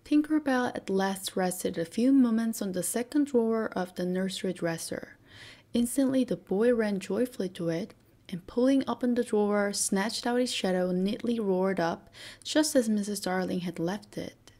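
A woman narrating a children's storybook in a soft, soothing whispered role-play style for sleep. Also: mid-range voice. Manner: soft, slow, soothing bedtime reading.

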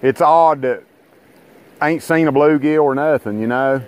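A man with a higher-pitched voice talks at a moderate pace while fishing from rocky riverside ground. As a vlogger, he rambles folksily to his viewers, whom he calls guys and boys, and the audio comes from an action camera he wears.

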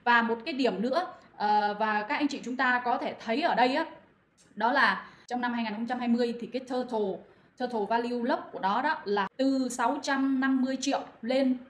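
A woman's voice: a little high, brisk. A woman moderating a crypto channel, talking listeners through market reasons with frequent fillers and direct address. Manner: addresses listeners as anh chị, many fillers. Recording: echoey room, faint noise.

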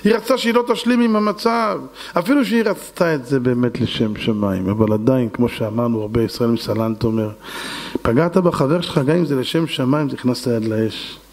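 A rabbi giving a sermon, telling stories and acting out the dialogue dramatically while addressing the congregation. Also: male voice, medium pitch. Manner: acts out dialogue in a lively, dramatic voice; addresses the audience directly. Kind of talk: storytelling sermon.

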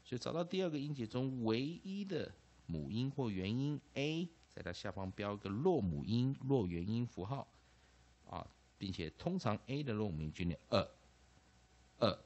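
In a muffled recording, a man of medium pitch and moderate pace teaches English phonics as if in a classroom. He has a Taiwanese Mandarin accent and a lively delivery, repeats key terms, and keeps ending phrases with "ah" or "ha."

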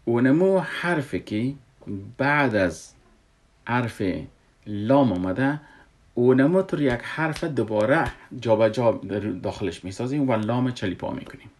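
A man's voice: mid-range voice, lively intonation. A man teaching recitation rules patiently, repeating himself and asking rhetorical questions. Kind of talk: explaining a lesson.

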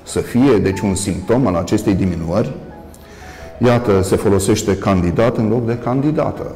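Male TV lecturer, gravelly and mellow, deliberate with many pauses; roomy reverb. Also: fairly low pitch. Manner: measured, halting with frequent "uh" pauses, stressing contrasting word endings. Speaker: priest and professor hosting a TV talk. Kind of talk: solo lecture-style commentary.

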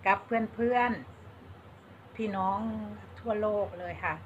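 A vlogger from Buriram province in Isan, Thailand, with a medium-pitched voice and an Isan Thai accent chats casually to camera. She talks slowly and haltingly, using many fillers and Isan particles. The recording is dull and lo-fi, with slight background noise and faint ambience.

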